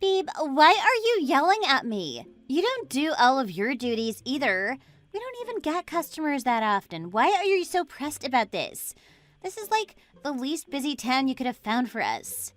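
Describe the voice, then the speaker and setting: A woman's voice: high-pitched, sing-song, moderate pace, a bit bright, no room sound. A woman voicing an indignant young woman who bickers with her partner in a text-story narration. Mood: bickering. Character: whiny defensive young woman, cafe co-owner.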